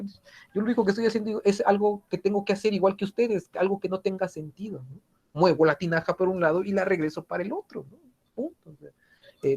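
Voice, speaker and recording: A man's voice: on the high side, darkish tone. Man, teaching casually. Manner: conversational, frequent tag questions and fillers, acts out anecdotes. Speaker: philosophy teacher. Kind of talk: informal class lecture.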